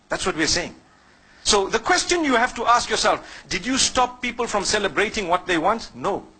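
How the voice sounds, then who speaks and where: A man from Zimbabwe preaches with a bright, high voice that carries a husky edge. He talks to his listeners directly, asks them questions and answers each one himself. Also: poor audio. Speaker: Islamic preacher. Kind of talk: sermon.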